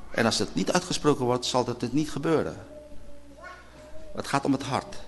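A man with a Dutch accent preaching a sermon, addressing brothers and sisters, repeating key phrases and swinging between loud declarations and quiet, low passages.

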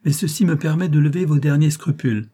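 A noble young princess in hiding speaks with solemn, declamatory devotion, read by a man in an audiobook. The voice is mellow and darkly toned, with a slightly husky grain. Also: fairly high pitch, fast, pitched above the performer's own voice, lightly acted. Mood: earnest. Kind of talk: audiobook reading.

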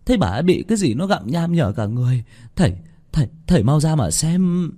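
A man's voice: lowish voice, sing-song, a little fast, dark tone, husky. A man voicing an anxious villager who speaks urgently. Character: anxious villager urging the healer.

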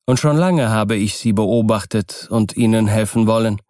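A polite male visitor of uncanny, devilish nature, as a man voices him in an audiobook. He speaks low and softly, with a quiet, friendly sternness. The sound is close and dry. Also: moderate pace, dry recording, natural voice. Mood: calm courteous.

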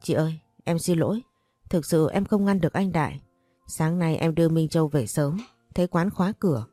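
A woman's voice: deep voice, a little fast, dark tone, no echo, soft background music. A woman reading the lines of a tearful, apologetic young female friend in a storybook tale. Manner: pleading, caring.

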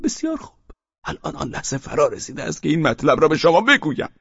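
A man reading an audiobook, voicing an agitated middle-aged husband who speaks in a hoarse, excited, urgent voice. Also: fairly high pitch, no room sound, dull audio, voice pushed up, full character voice. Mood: urgent pleading. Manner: pleading, urgent and raised.

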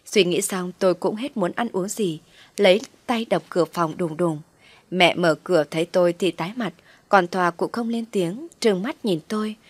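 Woman reading a story, low voice, dry close sound. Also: moderate pace, no echo. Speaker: story narrator. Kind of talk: first-person story reading.

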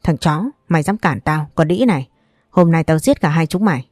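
A woman reading the lines of a crude, menacing drunken older man in a storybook, voicing his coarse, vulgar threats in a low, mellow voice. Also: fairly quick, dry recording, studio quality. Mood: snarling.

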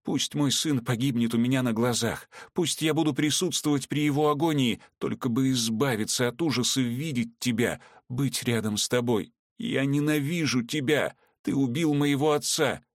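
A man voicing a defiant young woman in an audiobook, shouting her hatred, his voice raised higher than his own. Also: moderate pace, few pauses, dry recording, studio quality, close to an everyday voice. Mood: furious.

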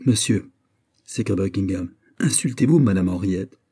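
A man's voice: fairly low pitch, moderate pace, warm tone, husky. A man reading aloud, voicing a hot-tempered, haughty young English duke in an audiobook. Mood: indignant. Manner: imperious, angry outbursts.

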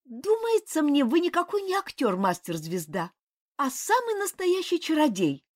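A woman reading the part of an excitable, indignant young princess in an audiobook. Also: normal speed. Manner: high, breathless and reproachful.

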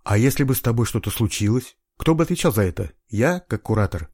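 A man playing an ironic, impatient middle-aged investigator in an audiobook, gruff and scolding. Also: mid-range voice, animated, fast talker, darkish tone, dry recording. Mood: pressing. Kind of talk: audiobook reading.

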